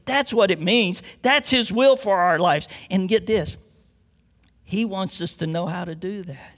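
A man's voice: sits high, unhurried, fairly bright tone. A man preaching a sermon as a pastor, mixing scripture with homely stories and rising to emphatic declarations.

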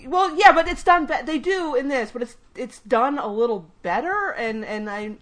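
A woman's voice: high voice, expressive, normal speed, a bit bright. A woman co-hosting a casual podcast chat, rambling through her points with many restarts. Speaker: podcast co-host.

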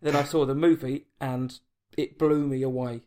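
A man's voice: medium pitch, steady tone, moderate pace, a little mellow. A man with an English accent, hosting a film podcast and chatting casually with a guest over an online call. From England. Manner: chatty, self-deprecating, with restarts. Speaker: podcast host. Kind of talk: casual interview chat. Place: home, late at night.

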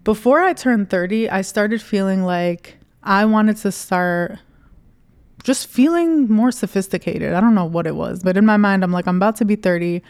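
A woman in her thirties chats on her solo podcast in a smooth, clear voice, recorded close and dry. She talks candidly and loosely, full of "like" and little jokes at her own expense. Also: medium pitch, moderate pace, a little mellow, dry recording. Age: 30s. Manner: chatty, candid, self-deprecating with filler "like". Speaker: podcast host. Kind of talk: casual solo podcast talk.

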